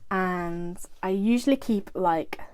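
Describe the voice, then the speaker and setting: A woman's voice: fairly low pitch, slow pace, darkish tone, smooth, no echo. Gushing woman chatting about her tarot decks. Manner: gushing, chatty, full of "like" and "fantastic". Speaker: tarot vlogger. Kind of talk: casual show-and-tell chat.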